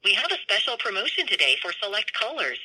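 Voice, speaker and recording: A woman's voice: medium pitch, very animated, a little fast, pushed and bright, breathy edge, rough recording. A woman's voice on a recorded phone message, played over a speakerphone, reading polite automated menu prompts.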